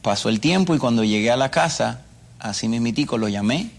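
With a gravelly, medium-pitched voice, this Cuban man speaks briskly and expressively. He is an interview guest sharing personal testimony in a Cuban Spanish accent, earnestly recounting his story and repeating phrases often.

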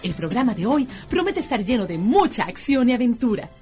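A woman with a high, very lively voice narrates a children's adventure. She hosts in a scripted storytelling style, her pitch swinging widely over faint music. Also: a little fast. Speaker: narrator and host.

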